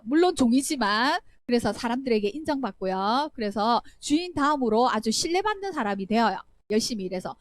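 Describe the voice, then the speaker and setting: Young woman sunday school teacher, bouncy storytelling voice that swoops up and down. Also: fairly high pitch. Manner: animated, acts out voices, asks children questions. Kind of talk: children's Bible storytelling.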